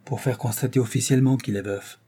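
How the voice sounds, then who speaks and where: Brief: male narrator as a careful, fretful husband, husky, mellow. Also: medium pitch, fairly even intonation, fast talker. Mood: confiding. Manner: earnest, confiding, fretful. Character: cautious, secretive middle-aged husband, an office clerk. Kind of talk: audiobook character reading.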